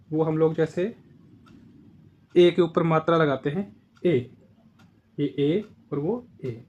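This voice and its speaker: Indian man teaching, slightly high voice. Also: dark tone, muffled recording. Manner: explains patiently, repeats example words. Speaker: German language teacher. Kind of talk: casual spoken lesson.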